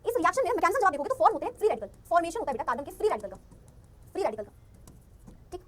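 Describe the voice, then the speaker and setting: A young woman teaching chemistry in an online class lecture, explaining rapidly and asking her students frequent rhetorical questions. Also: very high voice, sing-song.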